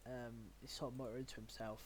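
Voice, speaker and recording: A man's voice: medium pitch, little pitch movement, fast talker, breathy edge. A young man running a tabletop game as game master, narrating in a rambling way with many fillers. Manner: rambling, filler-heavy, laughs at his own narration.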